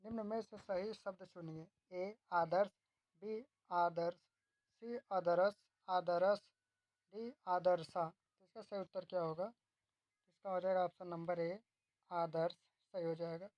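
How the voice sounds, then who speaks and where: A woman's voice: on the low side, steady tone, measured pace, dry recording, lo-fi sound. A woman tutor reads exam questions and their options aloud, then gives the answer and explains why. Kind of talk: reading quiz questions and answers.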